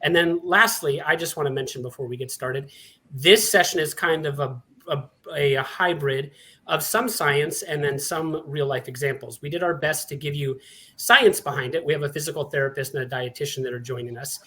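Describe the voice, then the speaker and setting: Speaking at a moderate pace in a bright, forceful, somewhat high voice, a forties-aged man from Montana presents at a conference. He hosts and sits on the panel, keeping things friendly, talkative, and self-deprecating.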